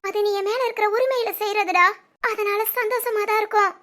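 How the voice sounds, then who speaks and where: A very high, squeaky cartoon voice for a loving young wife, tender and quick to tears, as a voice actress plays her. She talks in sobbing, clinging pleas, close and intimate. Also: fairly even intonation, bright, forceful tone. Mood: soft, affectionate. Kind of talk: cartoon voice acting.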